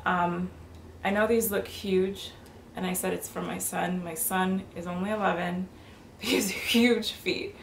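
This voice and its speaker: A woman in her thirties chatting casually to camera in a room at home, bubbly and quick to laugh. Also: on the low side, steady tone, gravelly. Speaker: fashion vlogger. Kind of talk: casual haul chat. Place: bedroom or apartment, indoors. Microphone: camera on tripod, mid-distance. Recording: roomy, noisy indoor recording.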